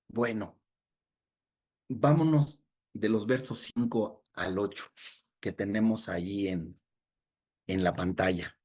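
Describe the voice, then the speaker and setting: A man's voice: on the low side, darkish tone, husky. A man leading a Bible study in a conversational way, reading verses aloud and checking in with his listeners. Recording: dull lo-fi recording.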